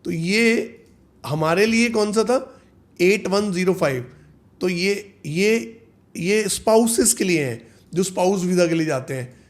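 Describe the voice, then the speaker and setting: A man, a visa consultant explaining rules in a video, reading the text slowly and then explaining it in Hindi. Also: high voice, animated.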